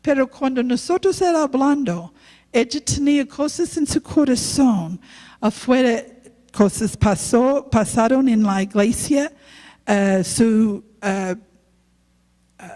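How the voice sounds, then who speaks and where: Slow-spoken woman preacher, Spanish. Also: fairly high pitch, mellow. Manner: halting non-native Spanish, slow and earnest. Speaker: guest preacher, youth pastor. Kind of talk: sermon with personal testimony. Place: church. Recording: long reverb of a church hall.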